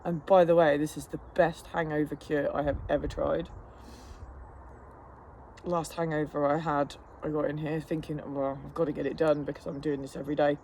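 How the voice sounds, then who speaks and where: A man's voice: a little high, little pitch movement, normal speed, a little mellow, a little hiss or hum. A man chatting casually to camera in a rambling, matter-of-fact, self-deprecating way while enduring icy water. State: cold-stressed, sitting in icy water. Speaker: fitness instructor vlogger. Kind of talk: casual chat to camera during a cold plunge. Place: outdoors in an ice bath.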